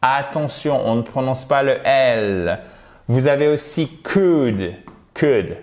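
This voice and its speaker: A man whose first language is French teaches pronunciation in an unhurried way, at a middle pitch. He says each word several times over and breaks it down for his learners. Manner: slow, repeats words to drill pronunciation. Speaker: English teacher. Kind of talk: pronunciation lesson.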